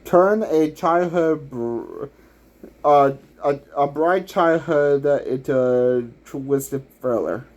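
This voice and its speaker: Slow, halting male YouTuber. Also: on the high side. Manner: halting, full of "uh" fillers and restarts. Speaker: YouTuber ranking villain songs. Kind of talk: unscripted video commentary.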